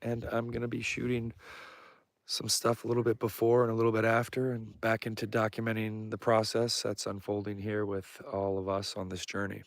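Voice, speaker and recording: A man's voice: on the low side, monotone, moderate pace, dry recording. A man speaking in a casual, rambling live vlog, informal and self-deprecating, drifting between thoughts as he goes. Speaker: filmmaker live-streaming as a vlogger. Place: outdoors on snow and ice at an Antarctic camp. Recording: clear outdoor background noise.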